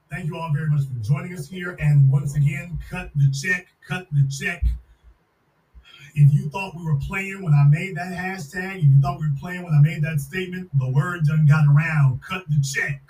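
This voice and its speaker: A man's voice: fairly high pitch, dark tone. A man hosting a live-stream podcast, ranting emphatically and repeating slogans with a mocking edge. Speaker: podcast host. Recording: roomy sound from a distant mic.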